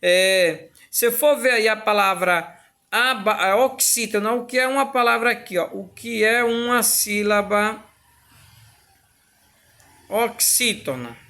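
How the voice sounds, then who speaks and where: A woman's voice: medium pitch, a little slow, pushed and bright. Brazilian woman teacher, patient and repetitive, walks through a lesson, keeps checking in, mid-range voice. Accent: Brazilian Portuguese. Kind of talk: classroom lesson explanation.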